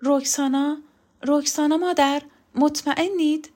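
An anxious, fragile grown daughter whose voice climbs high and quavers as she pleads, as a woman reads her part. The lines sound raised and shaky next to the calm reading around them. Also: natural voice. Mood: shaken.

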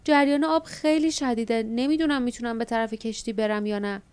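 A woman's voice: fairly high pitch, steady tone, darkish tone, clear, resonant tone, lightly acted. A woman voicing a strong adult male warrior in an audiobook, speaking with urgency and strain. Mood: worried. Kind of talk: audiobook character voice.

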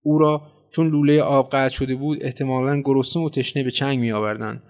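A man narrating a translated short story in a measured, dramatic storytelling manner. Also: medium pitch, fairly even intonation.

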